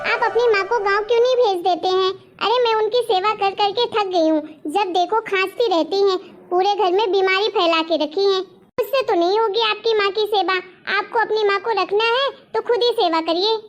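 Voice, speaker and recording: A woman voicing a spoiled, sharp-tongued young wife in a family skit, scolding and complaining sarcastically. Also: very high-pitched, normal speed, highs cut off, faint music behind. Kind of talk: comic family skit acting.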